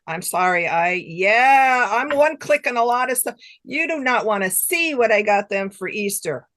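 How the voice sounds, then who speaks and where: A guest author, a middle-aged or older woman with grandchildren, chats casually in an interview, effusive and enthusiastic. Her voice is on the high side, animated and a bit bright, at a moderate pace.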